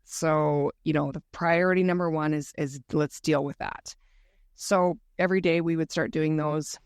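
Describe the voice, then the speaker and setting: A woman's voice: deep voice, fairly even intonation, normal speed, clean tone, dry recording, studio quality. A woman guest telling her story candidly in a conversational interview. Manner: earnest, candid recounting.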